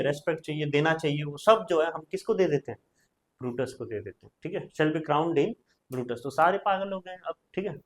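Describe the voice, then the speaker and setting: A young male tutor explaining a play line by line in Hindi, reading the English lines slowly and with emphasis and saying "theek hai" after almost every phrase. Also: on the high side. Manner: says "theek hai" constantly.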